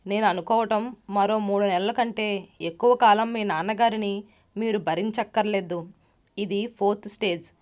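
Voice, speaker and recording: Storybook role: calm male doctor, measured delivery, voiced by a woman. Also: mid-range voice, lightly acted.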